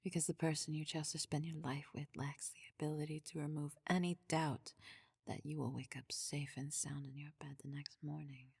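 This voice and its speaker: A woman playing a possessive, devoted necromancer queen in a whispered role-play, speaking formally and with measured control in a deep, husky, breathy voice. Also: little pitch movement, a little mellow, dry recording, studio quality, full character voice. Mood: possessive, persuasive.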